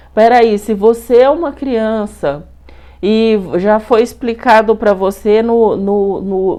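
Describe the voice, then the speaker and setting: A middle-aged Brazilian woman telling a personal story to her viewers in a lively, colloquial, repetitive way. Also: fairly high pitch. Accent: Brazilian Portuguese. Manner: animated, repetitive, colloquial retelling. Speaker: spiritual channel host.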